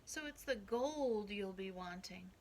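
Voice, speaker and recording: A woman voicing a tiny male leprechaun, shrill and frantic at first, then sly and firm, in a read-aloud storybook. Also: lively intonation, unhurried, a little hiss or hum. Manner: high, shrill cries.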